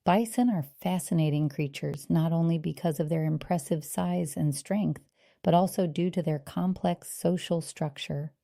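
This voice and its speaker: A woman delivers scripted nature documentary narration with earnest, measured polish. Her voice is dark and relaxed, with a noticeable fry, captured very dry and close. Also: fairly low pitch, dry recording.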